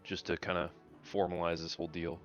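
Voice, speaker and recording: A man's voice: low-pitched, monotone, brisk, faint music behind. A man playing a tabletop game, speaking politely and hesitantly with many ums, on a dull lo-fi mic. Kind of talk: casual game-night talk.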